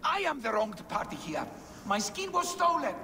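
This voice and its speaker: A sharp, bright trader's voice rings out, indignant about his stolen goods. The pitch swings wildly with wounded pride. It echoes through a long reverb with a faint ambient hiss behind it in the game's audio. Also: big pitch swings, moderate pace. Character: aggrieved merchant robbed of his goods.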